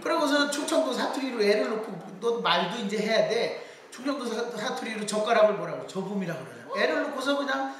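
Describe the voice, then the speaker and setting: A man's voice: sits high, brisk, slight background noise. A middle-aged man lecturing on public speaking, telling stories and quoting people's voices as he goes. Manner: lively storytelling with quoted voices. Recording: echoey hall, voice from far off.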